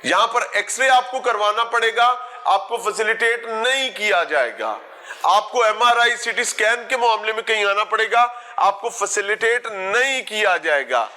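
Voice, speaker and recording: A man's voice: high voice, expressive, sharp tone. A man reporting on location outdoors, walking and talking in a theatrical, sarcastic way as an investigative host. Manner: theatrical, sarcastic, addresses an absent politician. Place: outdoors at a hospital and a park.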